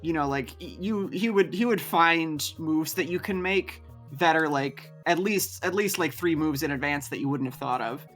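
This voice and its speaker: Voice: mid-range voice, normal speed, a bit bright, faint music behind. A co-streamer in casual chat while gaming, rambling through long thoughts with fillers, restarts and casual swearing. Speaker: co-streamer, guest.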